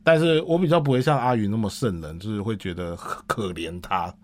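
A man's voice: on the low side, fairly quick. A man with a Taiwanese Mandarin accent chatting on a podcast, often stumbling and repeating words as he starts. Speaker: co-host, TV program department worker. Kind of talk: casual podcast chat.

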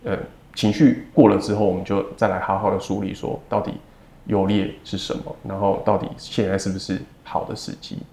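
Taiwanese guy in his 30s being interviewed, lowish voice, lots of uhs, kinda roomy echo. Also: fairly even intonation, creaky, warm tone. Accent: Taiwanese Mandarin. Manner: measured, reflective, frequent "uh" fillers. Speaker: second-generation family business heir. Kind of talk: interview guest.

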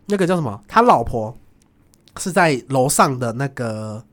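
A young adult man, a guest, telling stories in a lively casual chat and acting out the voices of people in them. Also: mid-range voice. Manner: animated, quick, acts out voices in his stories.

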